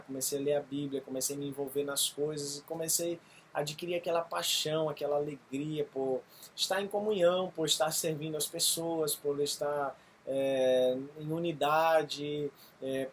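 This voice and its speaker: A man's voice: on the high side, a little hiss or hum. Earnest pastor in his thirties. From Brazil. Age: 30s. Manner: earnest, halting with frequent fillers. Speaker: missionary pastor. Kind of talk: testimony video.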